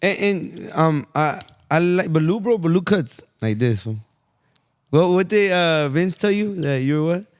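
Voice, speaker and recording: Animated podcast host, man. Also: on the high side, smooth. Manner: animated, quick, says bro a lot. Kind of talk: casual chat.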